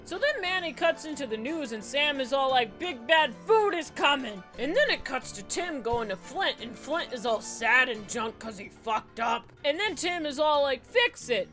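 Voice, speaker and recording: A woman with a high, animated voice tells a film's story in a flippant, sarcastic way and acts out each character's line in a silly voice. Her pitch swings widely from phrase to phrase. Faint music plays under her voice. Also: normal speed, hardly any pauses. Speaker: comedic movie recapper. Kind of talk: comedic plot recap narration.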